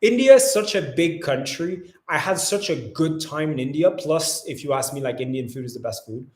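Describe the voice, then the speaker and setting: A young French Canadian man, French being his first language, chats casually with a French Canadian accent as a travel vlogger co-hosting a live travel hangout. His voice is on the high side and expressive, at a moderate pace, and he talks in a chatty way full of "like" and restarts. The room sounds echoey.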